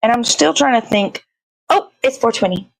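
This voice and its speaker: Fairly high-pitched and gravelly, this livestream host speaks expressively at a moderate pace, meandering as she chats, often reaching for words and swearing casually. The recording is dry and the audio poor.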